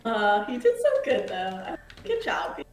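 Gushing high-voiced woman, slow-talking. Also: huge pitch swings, a little hiss or hum. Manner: gushing, giggly and enthusiastic. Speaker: co-host reacting to game builds. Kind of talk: casual gaming chat. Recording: echoey room.

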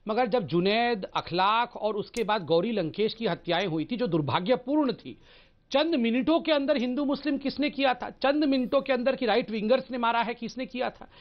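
A man on a TV debate panel speaks in a very high, raised voice and mocks his opponents with sarcasm. He imitates the other side's words to score points. His audio sounds dull and lo-fi. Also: moderate pace. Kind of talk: heated TV debate argument.

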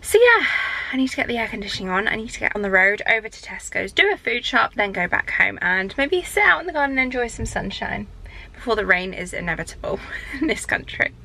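A woman's voice: fairly high pitch, sing-song, quick pace, creaky, sharp tone, low-quality recording. A woman, chatting casually to a handheld camera about her shopping haul. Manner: chatty, rambling, upbeat. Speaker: lifestyle vlogger. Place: parked car, then a bedroom at home. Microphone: camera held at arm's length.

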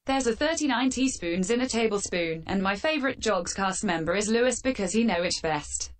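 A woman hosting a fan Q&A with sarcastic, deadpan answers, her voice run through a metallic filter. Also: mid-range voice, fairly quick. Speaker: channel host answering fan questions. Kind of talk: scripted comedic Q&A.

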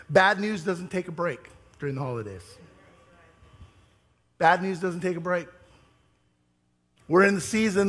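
A man in his thirties preaching a sermon in a church sanctuary, telling a story with lively, animated delivery. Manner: animated storytelling, high-pitched and wailing when retelling his tears. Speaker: pastor.

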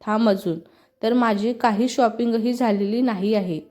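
A sharp-tongued young bride-to-be with a sarcastic comeback for everything, as a woman reading a storybook puts her on. The tone is warm and sits a little high. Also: fairly even intonation, moderate pace, close to an everyday voice. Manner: retorting, sarcastic.

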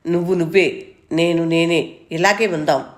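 A woman's voice: fairly low pitch, fairly even intonation, normal speed, natural voice. A woman voicing a playful, ultra-modern young woman who talks in a cool, teasing way.

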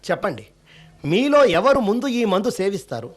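An actor playing a solemn wise guru who preaches detachment, over music. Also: male voice, sits high, sing-song, fairly quick. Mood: grave. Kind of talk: devotional drama acting.

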